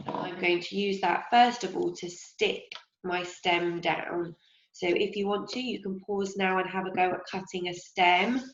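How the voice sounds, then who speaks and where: Indoors in a home kitchen, a young woman who teaches primary school gently walks little children through a craft, pausing to ask them questions. Her slightly croaky voice is on the low side and steady, her manner slow and encouraging, and the audio is roomy and dull lo-fi.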